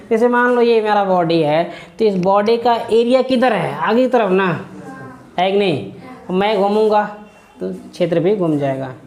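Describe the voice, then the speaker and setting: A man's voice: sits high, darkish tone, reverberant. Quizzing teacher, man, repeating key words. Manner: asks questions and answers them, repeating key words. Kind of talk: classroom physics lesson.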